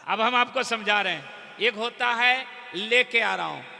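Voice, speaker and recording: A man preaching from a stage with a high, gravelly voice. He tells the story slowly, dropping low for narration and rising to loud exclamations. His voice carries a long hall reverb. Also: animated. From Bihar, India. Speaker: Islamic preacher. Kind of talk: religious sermon with storytelling.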